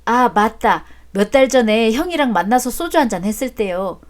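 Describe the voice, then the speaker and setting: A blunt grown-up son, voiced by a woman narrator, answers his father in a flat, cheeky way. The voice is fairly high, and it is a storybook drama. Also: normal speed, lightly acted.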